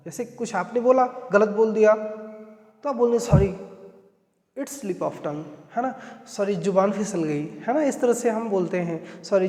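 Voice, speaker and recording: A man's voice: high-pitched, a little mellow. A man with an Indian accent teaching spoken English, explaining each phrase and repeating it with frequent tag questions. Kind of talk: spoken English lesson in Hindi. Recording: echoey room with long reverb.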